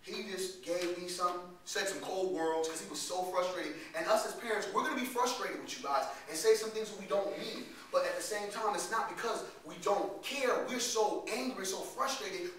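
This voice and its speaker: A man telling a story to young people at a workshop, in an animated, slangy way with laughs. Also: high voice, normal speed, few pauses, a little hiss or hum. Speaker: workshop speaker for youth. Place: workshop room. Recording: echoey room, distant mic.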